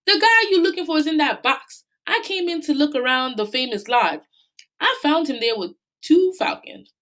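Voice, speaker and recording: A woman voicing a snarling, angry male falcon thief who shouts in a high, strained voice. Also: expressive, moderate pace. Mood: defensive.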